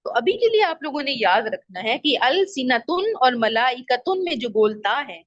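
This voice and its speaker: A woman teaching an online Arabic grammar lesson, patiently repeating each example word slowly. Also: high voice, big pitch swings, dry recording, highs cut off.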